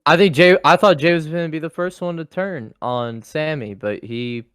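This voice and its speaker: A young man co-hosting a casual podcast, talking in a relaxed conversational way. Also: a little high, normal speed, clear, resonant tone, no echo, studio quality. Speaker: podcast co-host. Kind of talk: casual chat.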